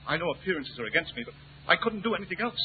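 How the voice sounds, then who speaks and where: On a tinny old radio recording, a cornered aristocrat. His fairly high voice is imperious and agitated, swinging widely with indignation. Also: very animated, very fast, a little hiss or hum. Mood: defensive, desperate. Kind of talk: old-time radio drama acting.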